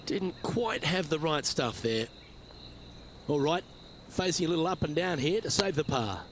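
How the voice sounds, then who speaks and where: A courteous golf play-by-play announcer for a video game. His voice sits a bit high and his calls are measured. Clear background noise of the outdoors runs behind him. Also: animated. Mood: measured commentary. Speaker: golf commentator.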